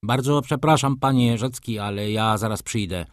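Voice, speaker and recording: A man voicing a humble, nervous male shop clerk who keeps apologizing in a higher, pleading voice. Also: normal speed, no echo, clean studio sound, close to an everyday voice.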